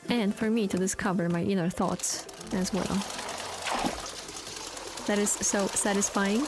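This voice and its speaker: Woman streamer, casual playful chat during a cozy game, unhurried pace, music bed. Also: medium pitch, steady tone. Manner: playful, chatty, reads lines aloud. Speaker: gaming streamer. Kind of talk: casual gameplay commentary.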